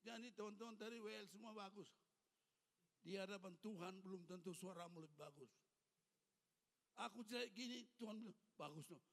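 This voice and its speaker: A man's voice: high voice, a little fast, creaky, pauses often, fairly bright tone. A man in his eighties, a pastor preaching a sermon in a church hall, urging the congregation with fervent, repetitive exhortations. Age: 80s. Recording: long reverb of a hall.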